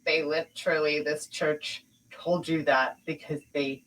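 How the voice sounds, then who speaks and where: Low, husky woman in casual chat. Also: little pitch movement, unhurried, fairly bright tone, low-quality recording. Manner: blunt, swears freely, laughs often. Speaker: podcast host.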